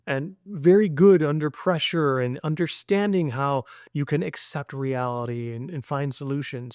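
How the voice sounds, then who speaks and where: A man speaking to his son in a heartfelt mindset lesson. He is earnest and long-winded, stringing thoughts together with "and," and gently encourages the boy. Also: medium pitch, no echo, studio quality. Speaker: father addressing his son.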